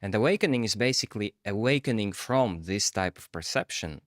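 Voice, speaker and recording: A low-voiced man talks through a podcast in a reflective, searching way. He often stops on fillers and restarts his thoughts. The recording is close and dry. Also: animated, fairly quick, no echo. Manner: reflective, hesitant, with many fillers. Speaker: podcast co-host. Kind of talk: casual podcast chat.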